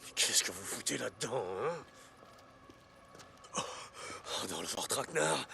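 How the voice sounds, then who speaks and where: A man voicing a gruff, weary, sardonic survivor in a video game, muttering and swearing in a gravelly voice. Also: animated, a little slow, bright, forceful tone, a little hiss or hum, full character voice. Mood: wary, sardonic. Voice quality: low gravelly voice. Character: gruff, weary, sardonic male survivor biker talking to himself.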